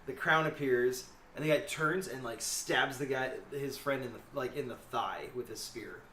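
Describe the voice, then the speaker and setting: A man's voice: mid-range voice, moderate pace, bright, forceful tone. A man running a tabletop game as game master, narrating loosely with laughs and hesitant fillers, recorded in an echoey room from a distant mic with faint hiss.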